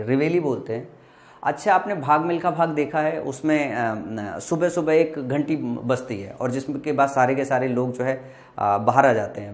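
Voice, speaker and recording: A man with an Indian accent teaching exam vocabulary, asking questions and answering them himself, slowly spelling words out letter by letter. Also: medium pitch, a little mellow. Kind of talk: exam-prep lesson.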